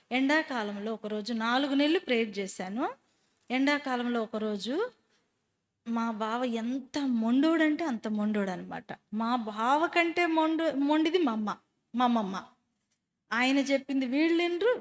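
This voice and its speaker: A woman with a high, bright voice tells her faith story to a church group. She speaks as a storyteller and keeps turning to her listeners with questions. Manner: animated storyteller who quizzes listeners. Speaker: speaker giving a personal testimony.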